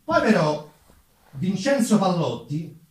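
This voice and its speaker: A man speaking with a Roman Italian accent takes it slowly as he tells history theatrically to an audience, his high, slightly mellow voice swinging widely in pitch. A solo stage narrator, he adds ironic, colloquial asides, recorded from afar in a very echoey room.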